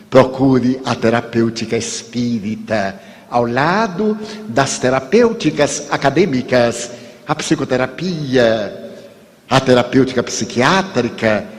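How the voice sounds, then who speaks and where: A man with a Brazilian accent giving an inspirational spiritist sermon, emphatic and dramatic, stretching key words as he tells a story. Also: medium pitch. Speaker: spiritist speaker. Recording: long hall reverb.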